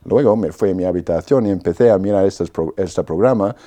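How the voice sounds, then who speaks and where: Low mellow-voiced man telling his story. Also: brisk. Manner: storytelling with frequent "¿no?" tags and restarts. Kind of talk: personal testimony in an interview.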